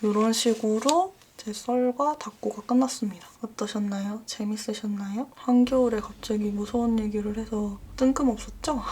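A young adult woman vlogger casually telling horror stories, dropping into hushed whispers at the scary parts. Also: on the high side, normal speed, few pauses, a little hiss or hum. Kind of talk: casual horror storytelling while journaling.

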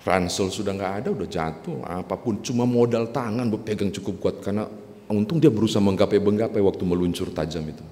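A man's voice: fairly low pitch, fast talker, mellow. A male pastor preaching a sermon in a conversational storytelling way, addressing the congregation directly. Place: church sanctuary. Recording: reverberant church with faint hiss.

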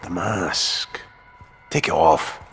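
Soap, a low, forceful Scottish soldier. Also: male voice, drawn-out words, slightly rough, full character voice. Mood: dry banter. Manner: wry, terse banter over radio. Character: gruff Scottish special forces soldier, dry and cheeky. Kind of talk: naturalistic video game acting.

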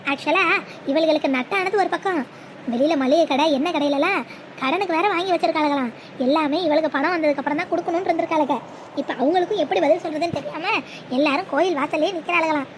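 Woman doing a nasty gloating old granny in a cartoon, super high squeaky voice, rattles off her scolding quick, bit of hiss behind. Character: spiteful scheming old grandmother.

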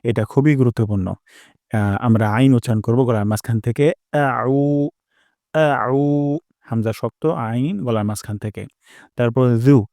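A man teaching Quran recitation, explaining each sound patiently and drilling it through repetition, with slow, drawn-out chanted examples. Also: medium pitch, vocal fry, dark tone, no echo, studio quality. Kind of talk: spoken lesson on Arabic pronunciation.

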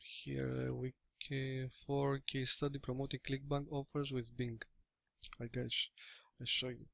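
This Greek affiliate marketer, a man in his thirties, does a casual screen-recorded product review from a small room using a webcam or laptop mic. He has a medium-pitched, flat, creaky voice that's a bit bright, with no echo. English is his second language; he speaks it with a Greek accent, haltingly, restarting often and using many fillers.

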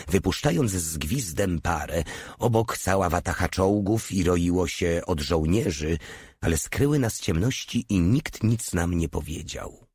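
A man narrating an audiobook in a steady, measured reading. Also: low voice, husky, no room sound, studio quality.

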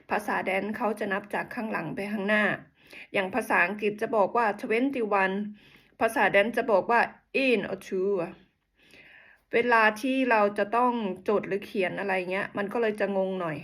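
A woman giving a casual language lesson, patiently saying number words slowly and repeating them for practice, with polite, gentle sentence endings. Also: medium pitch. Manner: polite, uses soft sentence-end particles. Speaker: language teacher.

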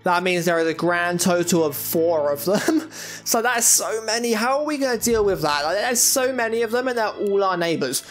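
A young man with a high, bright-sounding pitch chats through a game as he plays it, thinking aloud and tossing out jokey asides. Faint game music sits quietly behind his voice. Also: normal speed. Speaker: gaming YouTuber. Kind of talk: casual let's-play commentary.

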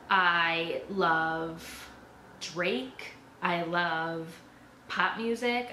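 A woman's voice: lowish voice, bright, forceful tone. A young adult woman talking casually to the camera in a tag video, chatty, with lots of "like" and "um". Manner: chatty, filler-heavy with frequent "like" and "um". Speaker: YouTuber. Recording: echoey room with faint background noise.

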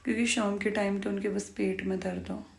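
A young woman vlogging casually at home at night, speaking softly and often near a whisper. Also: mid-range voice, little pitch movement, brisk, vocal fry. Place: home kitchen and bedroom at night. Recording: noisy home phone recording.

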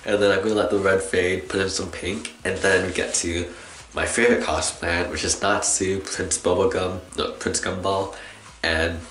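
A man's voice: low voice, little pitch movement, normal speed, fairly bright tone. A young adult man vlogging in a casual, rambling, self-deprecating chat, saying w for r. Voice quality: trouble pronouncing R sounds, says w for r. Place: small bathroom, indoors. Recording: echoey small-room camera recording.

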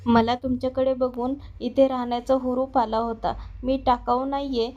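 A woman voicing a resentful young bride who refuses her marriage, speaking in sharp reproachful questions. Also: high voice, little pitch movement, normal speed, lo-fi sound, natural voice.

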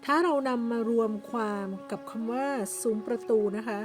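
A Thai woman with a fairly high, steady voice teaches a slow English vocabulary lesson at normal speed, with soft music playing in the background. She patiently explains each word in her Thai accent and repeats every English term several times.

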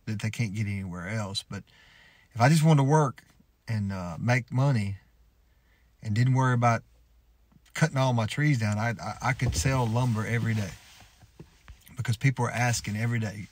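A man in his thirties giving relaxed, folksy advice to the camera from inside a parked pickup truck, often restarting his words. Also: on the low side, normal speed, long pauses, a little hiss or hum. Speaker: sawmill owner and homesteader vlogger. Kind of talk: casual advice talk to camera.

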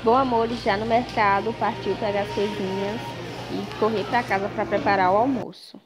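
A young Brazilian woman chats casually with her vlog viewers, calling them "minha gente" as she goes from errands on the street to cooking in a small home kitchen. Filmed on a handheld phone camera, her medium-pitched, fairly even voice moves at a normal pace over loud music, with clear background noise.

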